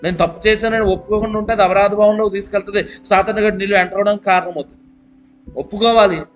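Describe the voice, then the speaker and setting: Male pastor with a high voice, sermon delivery, alternates emphatic and hushed, quiet guitar bed. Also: steady tone, rapid-fire. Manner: preaching, swings between loud emphatic peaks and low hushed pleading; asks the listener rhetorical questions. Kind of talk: Telugu sermon.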